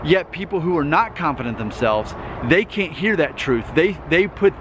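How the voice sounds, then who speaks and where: Outdoors by noisy traffic, a YouTube host in his thirties talks earnestly to camera in an expressive, slightly high voice at normal speed. He tends to repeat himself and keeps checking in with "okay?"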